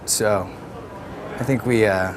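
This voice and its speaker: A man talking as a lead actor in a behind-the-scenes interview, relaxed and halting with many fillers. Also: on the low side, background noise.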